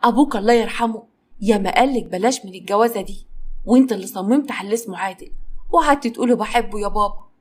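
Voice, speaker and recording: A woman's voice: mid-range voice, very fast, a little hiss or hum, lightly acted. A woman with an Egyptian accent voicing an older widowed mother who lectures her daughter with reproach. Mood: reproachful.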